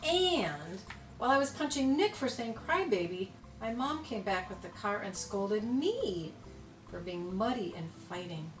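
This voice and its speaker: A woman reading a children's storybook aloud expressively, with dramatic emphasis and deliberate pauses on key words. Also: medium pitch, lively intonation. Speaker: storybook reader. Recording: echoey room, distant mic, music behind.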